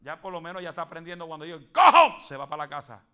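A man preaching a fervent Pentecostal sermon, building to shouts and dropping in English phrases. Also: on the high side, steady tone, rapid-fire, clean tone.

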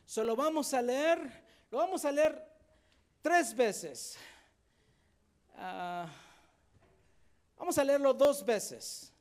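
A man preaching a sermon as pastor, fervent at times and then quietly meditative as he leads the congregation. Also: very high-pitched, animated, very slow, long pauses.

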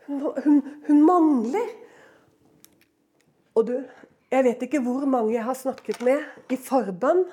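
A middle-aged woman preacher giving a sermon in a church, moving between loud emphasis and hushed whispers. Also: high voice, pauses often.

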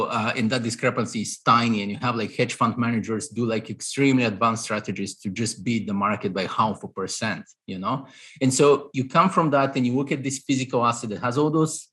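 Answering an interviewer's questions, a real estate investor in his thirties thinks aloud analytically, peppering his speech with fillers and starting over often. He has a Bulgarian accent and a husky, mid-range, somewhat bright voice, and he talks a little fast.

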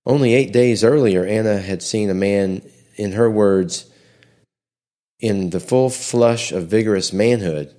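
Low-voiced man narrating history. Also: a little mellow. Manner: reads from a script with small slips and restarts. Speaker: history podcast host.

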